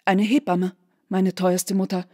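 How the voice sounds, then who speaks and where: A woman's voice: medium pitch, little pitch movement, a little slow, darkish tone, husky. A woman voicing a distraught, pleading young widowed noblewoman in a literary reading. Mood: desperate. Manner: earnest, pleading, solemn.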